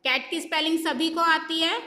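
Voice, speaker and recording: High, bright Indian woman teaching phonics. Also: steady tone. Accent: Indian English. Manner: slow, drawn-out spelling and repeating words for young children. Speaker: primary school teacher. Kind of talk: recorded online phonics lesson. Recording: echoey room with long reverb.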